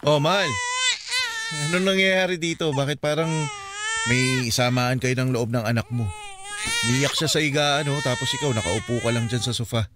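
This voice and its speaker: An actor playing a young husband and father in a radio drama, pleading with his wife and soothing his baby, then shouting in panic. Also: mid-range voice, moderate pace, very noisy, close to an everyday voice. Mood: worried. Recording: radio drama with loud music underscore.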